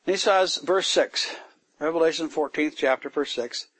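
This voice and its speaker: In a woods church gathering, a high-pitched, husky man preaches at a measured pace, his voice surging into forceful bursts as he quizzes listeners and hits key words hard. The recording is close, dry and rough, with almost no room sound.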